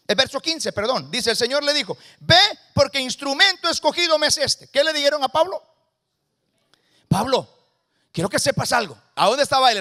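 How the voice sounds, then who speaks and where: Costa rican pastor guy preaching, high voice, gets loud then quiet, has people repeat after him. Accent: Costa Rican Spanish. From Costa Rica. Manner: calls for congregation responses, shifts between loud and hushed. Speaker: guest pastor. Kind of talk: lively Spanish sermon. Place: church sanctuary.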